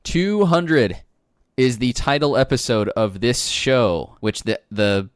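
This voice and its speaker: A man hosting a casual podcast quiz, reading out trivia questions deliberately. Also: mid-range voice, clear, resonant tone, dry recording, studio quality. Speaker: quiz host.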